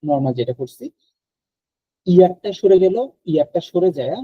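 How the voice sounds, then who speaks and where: A man leads an online French class, drilling verb endings aloud at a patient pace. His voice is a little husky and sits somewhat high. The sound is dry and dull, like a lo-fi call line. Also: dry recording. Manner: explains slowly, drills conjugations aloud. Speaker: French teacher.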